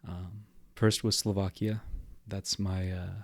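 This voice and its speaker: A man in his twenties, a podcast guest, talking in a steady, reflective way. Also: low-pitched, takes it slowly, no echo, clean studio sound. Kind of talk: casual interview talk.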